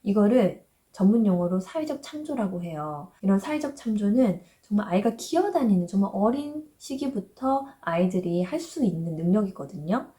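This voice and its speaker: A woman in her thirties explaining parenting advice in a gentle, reassuring way, sometimes voicing the worried thoughts of parents and children. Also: mid-range voice, animated, normal speed, hardly any pauses. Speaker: parenting educator.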